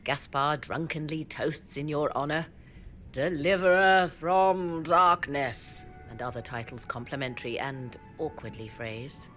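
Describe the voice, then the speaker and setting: An actress performs a video game cutscene as an aloof, sardonic woman mage who deals in forbidden arts. She uses formal, old-fashioned phrasing with dry, teasing asides. Her low-pitched, slightly bright voice is unhurried, with faint music behind it.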